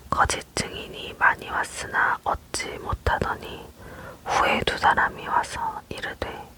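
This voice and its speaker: A person leaning in to whisper close to the mic, reading scripture as scripted ASMR narration in a fully unvoiced voice. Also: pushed and bright. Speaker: reader of scripture. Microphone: close microphone.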